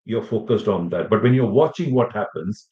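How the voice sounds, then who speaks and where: A man with a fairly low voice gives an informal lesson, rambling a little and dropping in "you know" asides. The sound is roomy and echoey, and the audio is a bit dull and muffled. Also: animated, normal speed. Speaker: IELTS teacher. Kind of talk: informal lecture to students.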